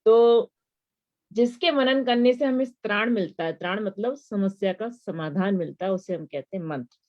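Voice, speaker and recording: A woman's voice: mid-range voice, normal speed. Woman teaching mantras, lo-fi sound. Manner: explanatory, rhetorical questions. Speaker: religious teacher. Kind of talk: devotional lesson on mantras.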